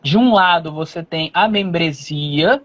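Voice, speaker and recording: A man from Rio de Janeiro state with a Rio Brazilian accent, answering as an interview guest in a measured, explanatory way with frequent fillers. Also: on the high side, dull audio. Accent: Rio de Janeiro Brazilian Portuguese.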